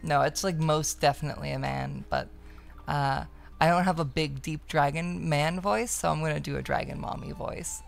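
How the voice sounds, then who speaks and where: A woman's voice: low voice, normal speed, faint music behind. A woman giving casual, playful and irreverent commentary as she plays a game. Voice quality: creaky. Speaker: game streamer. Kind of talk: casual gameplay commentary, reading dialogue aloud.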